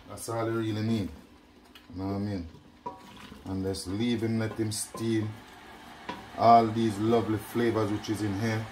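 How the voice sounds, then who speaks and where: A man's voice: fairly low pitch, level tone, a little slow, long pauses. A middle-aged man hosts a casual cooking demonstration in a small home kitchen, talking chattily and checking in with "yeah?" and "you know what I mean?". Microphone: camera mic at a distance. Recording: echoey kitchen, distant camera mic, noisy.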